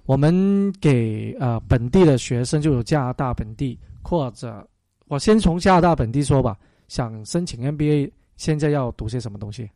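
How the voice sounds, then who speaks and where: A man hosting a finance talk show, asking questions in a slow, relaxed way with frequent fillers. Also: medium pitch, dry recording, clean studio sound. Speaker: radio show host. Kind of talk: casual talk-show interviewing.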